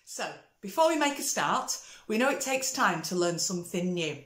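A woman teaching a music lesson for children in an upbeat, encouraging way. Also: medium pitch. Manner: upbeat, encouraging, call-and-response. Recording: roomy echo.

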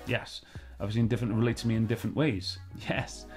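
Speaking fast in a lowish, slightly mellow voice with little pitch movement, a middle-aged man from Wales hosts a laid-back review chat on his living room sofa. Soft music plays in the background as he rambles, repeats himself and leans heavily on fillers.

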